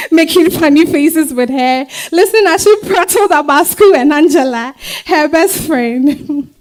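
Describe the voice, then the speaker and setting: In a staged reading told in the first person, a woman with a Ghanaian accent plays a warm but weary young market trader who is a wife and mother. Her high-sitting voice is conversational, full of hums and exclamations.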